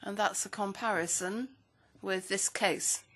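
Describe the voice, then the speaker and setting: At a parliamentary hearing, a woman with a mid-range voice interprets a speech into English, delivering it steadily and in a measured way.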